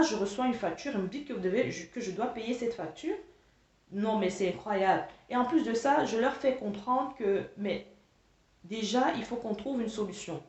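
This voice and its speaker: Here the online coach's voice is mid-range and a little mellow as she tells listeners a personal story straight to camera, recounting what was said. Her delivery is emphatic and exasperated, with repeated words as she hunts for the right phrasing, and the audio comes from an echoey room with a somewhat dull lo-fi quality.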